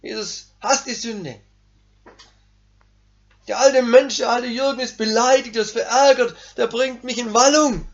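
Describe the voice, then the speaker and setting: High-voiced emphatic male preacher. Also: fairly even intonation, measured pace, pauses often. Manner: emphatic, builds to forceful exclamations. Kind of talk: sermon. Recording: dull lo-fi recording.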